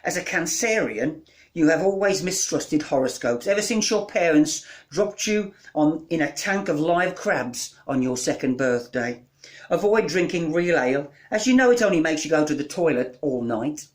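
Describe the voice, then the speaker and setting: A man doing a comic reading of his own writing, in a deadpan delivery that rattles off long lists. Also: a little high, moderate pace. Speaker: spoken-word performer.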